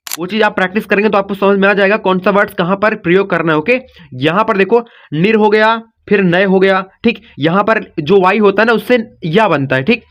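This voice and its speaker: Male tutor, high voice, patient and repetitive, walks learners through each word, slightly muffled lo-fi audio. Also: brisk, fairly bright tone. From India. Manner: repetitive, coaxing, says "ठीक" and "बच्चों" often. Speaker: teacher. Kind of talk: step-by-step spelling lesson.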